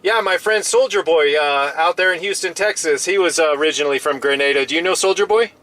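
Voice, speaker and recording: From inside his parked truck, a mobile radio operator with a fairly high voice chats amiably and quickly, using casual operator jargon. Friendly and talkative, he often repeats himself, doubling up phrases, over heavy background noise.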